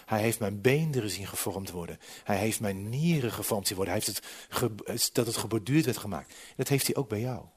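A man preaching a sermon with slides, lively and humorous, often dropping from loud to quiet. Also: lowish voice, fairly quick, hardly any pauses, husky. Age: 40s.

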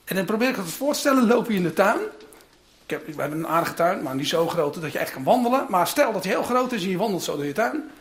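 A preacher delivers a sermon with dramatic storytelling. The voice swings through a lively range of pitch and keeps breaking into casual asides to the listeners. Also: quick pace.

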